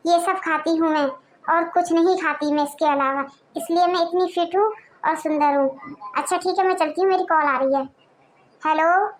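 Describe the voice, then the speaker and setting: A woman voicing a slim, vain neighbor who boasts about herself. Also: very high-pitched. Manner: boastful, self-satisfied.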